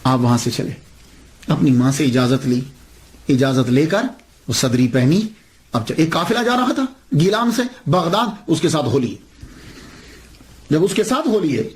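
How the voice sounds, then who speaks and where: A man preaches a saint's story with animated delivery, posing rhetorical questions and acting out the dialogue. His voice sits a little on the higher side. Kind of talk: religious storytelling sermon.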